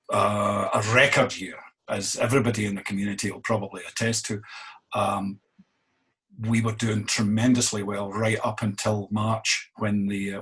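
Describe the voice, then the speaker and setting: A man's voice: on the low side, slightly rough. A middle-aged man with a Scottish accent, an innkeeper answering interview questions in a wry, self-deprecating way. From Scotland.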